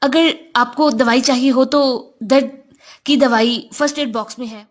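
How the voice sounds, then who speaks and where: A woman's voice: high voice, fairly even intonation. A woman voicing a devout, reserved young man who speaks formally and politely, read in her own voice. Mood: courteous. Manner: formal and courteous.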